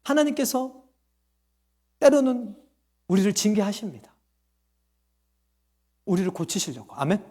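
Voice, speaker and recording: A man's voice: high-pitched, big pitch swings, unhurried, long pauses, darkish tone. A man preaching a sermon as pastor, asking the congregation questions and answering them himself, and acting out quoted voices.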